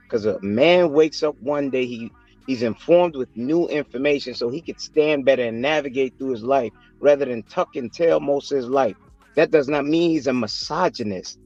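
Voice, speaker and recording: A man of medium pitch scolds an opponent in a heated panel debate. His delivery is confrontational and rhetorical, on dry, slightly dull audio with faint music. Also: darkish tone, no room sound.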